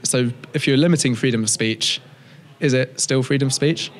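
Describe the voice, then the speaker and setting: A man's voice: medium pitch, moderate pace. A young male student answering hesitantly, with lots of "like" and restarts. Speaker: student interviewee. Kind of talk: casual vox-pop answers.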